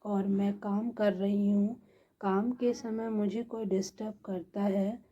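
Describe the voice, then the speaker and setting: Sly evasive young bride, woman doing her, dismissive, breathy and slow. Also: medium pitch, level tone, warm tone, lo-fi sound. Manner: dismissive, deflecting.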